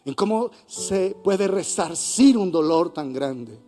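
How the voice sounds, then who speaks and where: A man with a Colombian accent preaching a sermon as pastor, swinging between hushed and loud passages. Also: sits high, expressive, takes it slowly, faint music behind. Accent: Colombian Spanish. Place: church hall.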